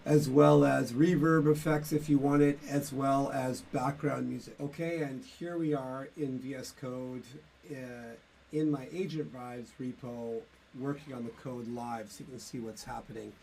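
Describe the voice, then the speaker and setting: Gravelly-voiced man demoing software. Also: mid-range voice, measured pace, a little hiss or hum. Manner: relaxed, explains step by step with fillers. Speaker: software developer demoing his tool. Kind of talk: casual tech demo walkthrough.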